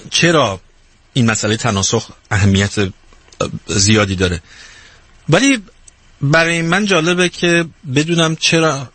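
A man's voice: on the low side, fairly bright tone, slightly rough, dry recording. A man hosting an interview, asking reflective questions and often searching for his words.

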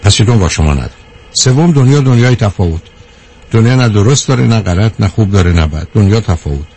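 A man giving a measured talk to a live audience, counting off his points one by one and answering a question from the room. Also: on the low side, expressive, darkish tone, slightly rough. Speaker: speaker on anger management.

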